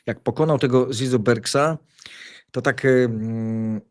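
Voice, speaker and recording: A man's voice: medium pitch, measured pace. A man who commentates tennis, telling stories in casual chat, rambling with many fillers and restarts. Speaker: tennis commentator and show host.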